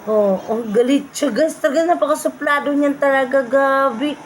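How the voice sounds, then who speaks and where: High-voiced woman cooing to her pets. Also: normal speed, slight background noise, poor audio. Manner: coos and calls to her pets. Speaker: pet vlogger. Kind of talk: casual pet vlog.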